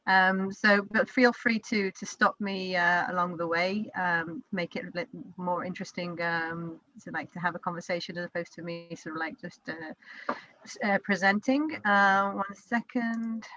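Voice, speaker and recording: A woman in her forties, from Israel and with a British accent, presents to an online networking group as a company co-founder, talking informally via video call with many fillers and restarts. She speaks at a moderate pace in a low-leaning, sharp voice with fairly even intonation, and the audio is muffled.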